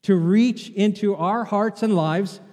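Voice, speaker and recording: Preaching as pastor in a church sanctuary, a man talks with the congregation and throws out rhetorical questions. He speaks slowly in a high-pitched, slightly mellow voice, and the recording has long church hall reverb.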